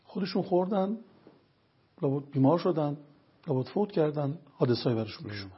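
Speaking as a guest religious health lecturer, a man works through sincere points one by one, using stories to back each up. His voice sits on the high side with big pitch swings and a breathy edge, heard through dull audio.

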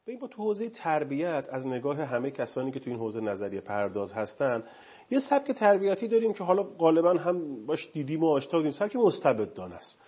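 Animated, husky man lecturing. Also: a little high. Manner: animated, lecturing with lists and examples. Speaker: family counseling guest expert. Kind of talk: studio talk show explanation. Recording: dull lo-fi broadcast sound.

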